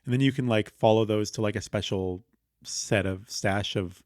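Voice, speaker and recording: A man's voice: lowish voice, normal speed, no room sound, clean studio sound. A man co-hosting a casual podcast chat, rambling through a story with lots of "like" and "um". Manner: rambling with many fillers, retelling a game story. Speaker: podcast co-host.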